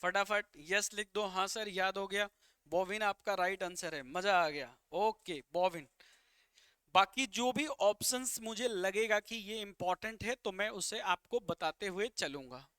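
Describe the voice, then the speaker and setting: Bright clear-voiced teacher running a live class. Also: male voice, high voice, lively intonation, a little slow, dry recording. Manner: explains English words in Hindi, coaxing viewers to comment. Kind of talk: live online English vocabulary class.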